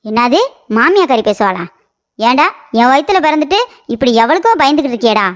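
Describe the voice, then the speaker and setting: A quarrelsome middle-aged mother who scolds and taunts, as a woman voices her for a comic cartoon story. Her voice sits high and shrill. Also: lively intonation, fast talker. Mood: scolding.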